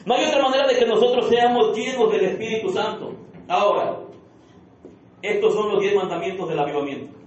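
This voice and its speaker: High-voiced preacher in an echoing church. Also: male voice, a little fast, slight background noise. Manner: fervent preaching with repeated rhetorical questions; addresses the congregation as beloved brother. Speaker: pastor. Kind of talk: sermon. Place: church sanctuary. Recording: echoey room from far off, dull and lo-fi.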